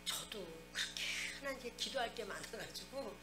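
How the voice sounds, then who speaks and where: A woman pastor preaching a sermon, speaking directly to her congregation with lively asides. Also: fairly high pitch, moderate pace. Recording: echoey church hall with music behind.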